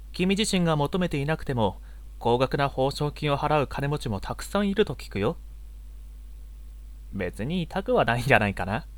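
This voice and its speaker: A man playing a gentle, easily exasperated young male unicorn in an audio drama role-play, with a polite, boyish, flustered manner. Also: mid-range voice, no echo, close to an everyday voice.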